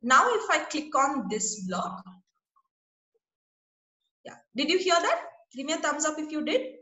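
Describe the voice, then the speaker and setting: A woman leads an online class over a video call, patient and checking in often with her students. Her voice is high and bright. It sounds like she's in an echoey room. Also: lively intonation, measured pace. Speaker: teacher.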